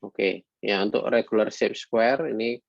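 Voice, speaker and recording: A man with a low, gravelly voice gives a lecture, pausing often and filling gaps with hesitant sounds. He slips into read-out English phrases now and then. The sound is dull and lo-fi, in a dry room with no echo. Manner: halting, many fillers, mixes in read English phrases. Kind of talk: online lecture.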